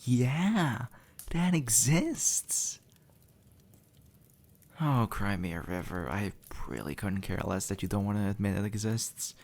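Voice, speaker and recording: In a conversational audio roleplay, a man plays a demon who is sardonic, impatient and centuries dead, gruffly reassuring while blunt and sarcastic as he addresses the listener directly. He sounds exasperated and sarcastic, his voice low-ish, sing-song, slow and darkish, and heavily acted.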